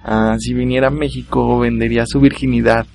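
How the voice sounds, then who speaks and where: Gravelly Mexican man joking on a podcast. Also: mid-range voice, level tone, fairly quick, heavy background noise. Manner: joking, laughs at own jokes; casual, slangy. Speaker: podcast host. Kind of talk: solo comedic podcast monologue.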